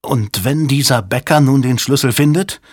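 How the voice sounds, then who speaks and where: A man's voice: medium pitch, normal speed, no room sound, clean studio sound, voice pushed up, lightly acted. A male audiobook reader voicing a tense, angry businessman who hisses his demands. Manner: hissing, furious. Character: cold, menacing male businessman.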